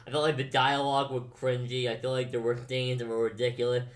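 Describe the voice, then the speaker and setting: A man's voice: medium pitch, level tone, quick pace. A young man giving a casual movie review, rambling and saying "like" a lot. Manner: rambling, heavy use of "like".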